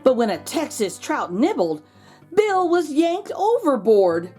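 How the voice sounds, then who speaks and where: Female storybook narrator, expressive and animated, leaning on key words for young listeners. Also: high voice, slow pace, breathy edge, faint music behind. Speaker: children's book read-aloud host. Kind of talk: expressive storybook read-aloud.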